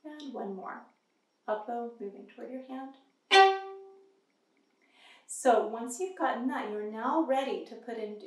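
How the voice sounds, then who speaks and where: A woman's voice: fairly high pitch, darkish tone. A woman in her thirties teaching a violin lesson, patient and encouraging, counting beats aloud while she plays. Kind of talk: instructional lesson. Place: room with a carved wooden screen, indoors. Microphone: far camera. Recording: roomy, distant mic with violin playing.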